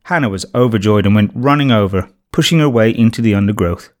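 A man's voice: on the low side, quick pace. A man steadily reading a children's storybook as narrator.

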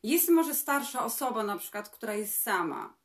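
A woman's voice: on the high side, big pitch swings, normal speed. A woman co-hosting a podcast, agreeing often and telling her own stories in casual chat. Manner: agreeable, affirming, storytelling. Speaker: podcast co-host.

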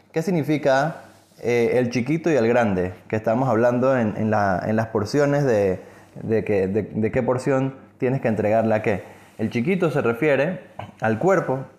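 A man's voice: mid-range voice, a little mellow. A man giving a conversational religious lesson, asking and answering his own questions as he explains a parable. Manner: conversational, many fillers and restarts, asks and answers own questions. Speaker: religious teacher.

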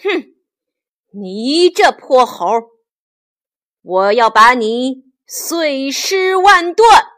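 A woman's voice: sits high, extremely slow, sharp tone, clean tone, full character voice. A woman doing a stern angry god. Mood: furious. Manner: scornful, threatening.

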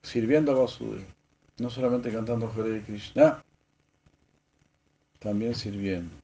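A man, a spiritual teacher preaching a sermon, moving from soft asides to emphatic stressed words and clearing his throat often. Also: lowish voice, steady tone, a little slow, highs cut off.

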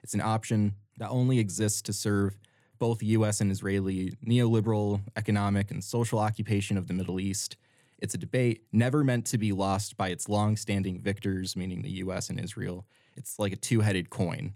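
Low voice, dry close sound, young american man, earnest political chat, repeats words. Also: steady tone, normal speed, mellow, no room sound. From United States. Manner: earnest, repeats words when starting thoughts. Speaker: podcast co-host. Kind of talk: casual political discussion.

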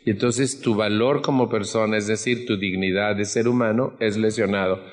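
A man's voice: fairly low pitch, fairly even intonation, normal speed, big-room sound. A middle-aged Mexican man with a Mexican Spanish accent gives an earnest personal testimony at a support group meeting, often putting questions to the audience.

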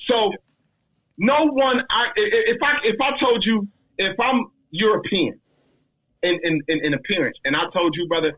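Guy talking casual, high husky voice, emphatic and slangy. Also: moderate pace, a bit bright, poor audio. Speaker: speaker answering a question. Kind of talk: casual discussion.

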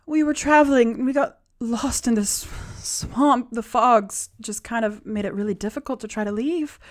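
A woman voicing a frightened, tearful captive young woman who pleads in halting bursts. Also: a little high, voice pushed up, lightly acted.

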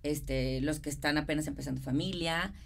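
Mujer con marcado acento norteño de Monterrey. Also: female voice, low voice, steady tone, moderate pace, creaky. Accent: northern Mexican, Monterrey regio. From Monterrey, northern Mexico. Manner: chatty, colloquial, explains with examples. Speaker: guest, real estate consultant and architect. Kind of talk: casual conversational interview.

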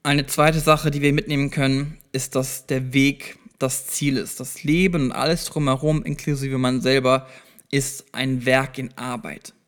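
Speaking at a measured pace with a medium pitch and level tone, a man hosts his own self-improvement podcast. He explains step by step, directly to the listener, in conversational motivational talk with small restarts.

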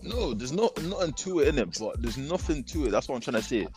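A man's voice: medium pitch, very animated, fast talker, darkish tone, faint music behind. A young man, arguing his point defensively and repetitively in casual banter. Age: young adult.

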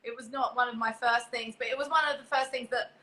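A young woman from England, a guest performer, chats casually in an interview over a video call, laughing often and restarting sentences. Her voice is a little high, steady, bright and forceful, and she talks fast, with a little hiss or hum.

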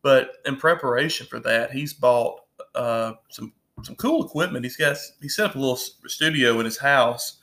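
A man's voice: mid-range voice, expressive, fairly bright tone. A man co-hosting a casual podcast, joking and telling stories with a laugh. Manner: joking, drawn-out storytelling with frequent laughs. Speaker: podcast co-host. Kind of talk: casual chat. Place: home, at his own home bar.

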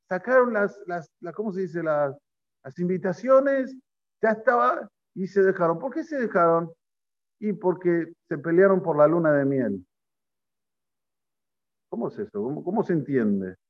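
A man with a Rioplatense Spanish accent teaching a lively Torah class as a rabbi. He asks the class questions and acts out the quotes. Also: high-pitched, unhurried, highs cut off. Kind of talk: lively Torah lesson to a group.

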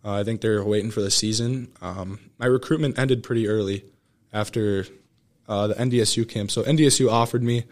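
Lowish-voiced young American male athlete. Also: steady tone, fairly quick. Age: young adult. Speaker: podcast guest, student athlete. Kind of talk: casual interview chat.

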